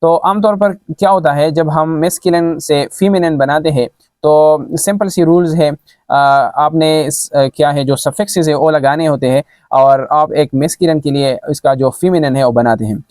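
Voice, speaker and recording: Male grammar teacher, slightly high voice, dry close mic, spells words letter by letter with frequent fillers. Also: unhurried, darkish tone, no room sound. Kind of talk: explaining a grammar lesson.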